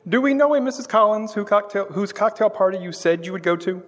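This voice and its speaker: An actor plays a cocky, wisecracking assistant whose sarcastic, breezy lines bounce up and down with lively swings. His somewhat high voice rings with the long reverb of a courthouse hall in a live radio stage show. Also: fast. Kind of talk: live old-time radio drama.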